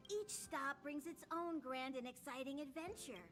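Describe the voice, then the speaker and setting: A woman voicing a small, gentle creature who is a train conductor in a video game. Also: sits high, normal speed. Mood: wistful. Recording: game audio under music.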